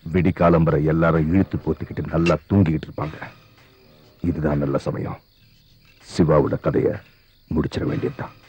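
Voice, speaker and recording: A man's voice: very deep voice, flat delivery, normal speed, pauses often, muffled recording, a little hiss or hum. An actor playing a ruthless male gangster boss who gives cold, commanding orders in a dubbed action film. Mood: menacing. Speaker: gangster villain.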